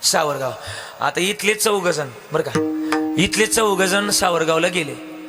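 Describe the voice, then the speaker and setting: A man's voice: sits high, unhurried, in a large hall, over loud music. A man with a Marathi accent preaching a devotional kirtan, telling a story, questioning the crowd and breaking into sung lines.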